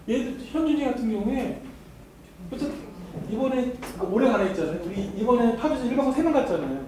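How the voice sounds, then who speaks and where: High-voiced man lecturing in an echoey hall. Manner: teasing, talks straight to students with frequent laughter. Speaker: academy admissions lecturer. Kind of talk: university admissions seminar talk. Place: seminar hall. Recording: very echoey hall, mic far off, faint noise.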